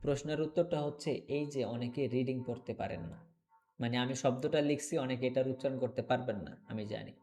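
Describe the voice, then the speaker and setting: A man teaching English online, repeating words slowly and checking in often with his class. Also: medium pitch, steady tone, dark tone. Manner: slow, repetitive drilling of words, checks in with "okay?".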